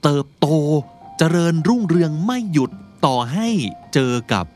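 A male podcast host talks through English words in a relaxed, chatty manner and slows right down to read each example. His voice rises and falls a great deal. Soft music plays quietly behind him. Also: a little high. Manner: chatty, explains with slow read-out example sentences. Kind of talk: casual English vocabulary lesson.

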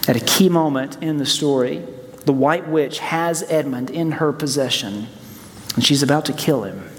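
A man's voice: fairly high pitch, moderate pace, slight background noise. A man preaching a sermon as pastor, earnest, in a church sanctuary. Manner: earnest, preaching then praying. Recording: church hall reverb, soft music.

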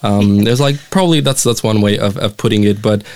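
A young man from Romania with a Romanian accent, a guest talking in a friendly, halting way with many fillers and restarts. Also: lowish voice, a little mellow, smooth. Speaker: mission representative, guest. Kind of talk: casual interview chat.

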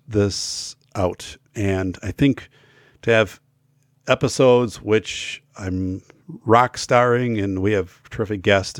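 The host, a middle-aged man on a school safety talk show, speaks casually to camera with emphasis, stumbling through fillers and restarts as he loses his voice and feels sick. His voice is on the low side, recorded at studio quality with no room sound.

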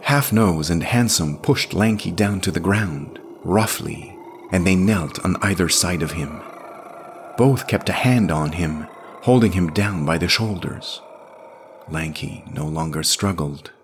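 A man narrating a scripted fantasy story in a measured, expressive reading. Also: sits low, a little hiss or hum.

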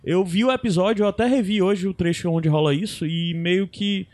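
Brief: man, high voice, slangy rambling podcast talk. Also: moderate pace, darkish tone, dry recording. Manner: casual, slangy, rambling with fillers. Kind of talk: casual chat.

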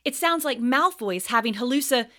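A woman's voice: fairly high pitch, lively intonation, normal speed, pushed and bright, pitched above the performer's own voice. A woman reading aloud and voicing a defiant teenage boy, sounding strained and raised. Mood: nervous.

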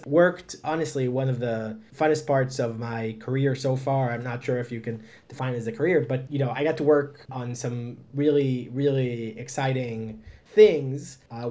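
A man's voice: mid-range voice, mellow. A man, a startup founder giving chatty, upbeat, self-deprecating answers in an interview. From Israel.

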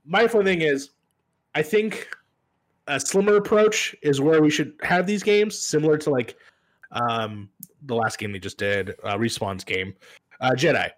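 A man's voice: on the high side, measured pace. A man co-hosting a podcast, chatting casually about video games in a rambling way that often interrupts itself. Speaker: podcast co-host.

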